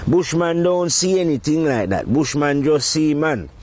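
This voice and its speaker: A man talking in a casual, rambling monologue, provocative and quick to laugh at his own points. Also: fairly high pitch, animated, a little mellow. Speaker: podcast host.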